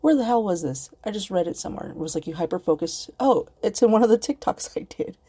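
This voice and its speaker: A woman's voice: mid-range voice, expressive, quick pace, mellow, breathy edge. A woman hosting her own podcast, talking alone in a rambling, heated way, swearing often and getting worked up. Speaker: podcast host. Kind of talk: casual emotional monologue.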